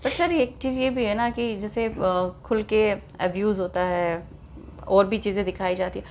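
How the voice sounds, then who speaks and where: A woman's voice: medium pitch, normal speed, darkish tone, slight background noise. Polite young woman radio interviewer. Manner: brief agreeing backchannels, polite with sir.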